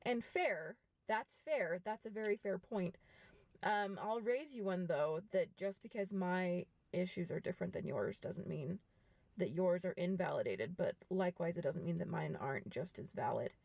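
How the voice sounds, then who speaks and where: A woman in her twenties talking frankly and reflectively to a camera, with many pauses. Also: fairly low pitch, vocal fry, darkish tone, no echo. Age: 20s. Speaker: vlogger. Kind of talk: candid personal monologue to camera. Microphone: camera mic.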